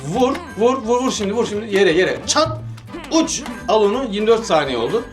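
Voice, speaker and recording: A man hosting a gaming channel, giving casual gameplay commentary, coaching eagerly with quick cheering commands and laughing often. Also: high-pitched, sing-song. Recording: game music playing loudly behind.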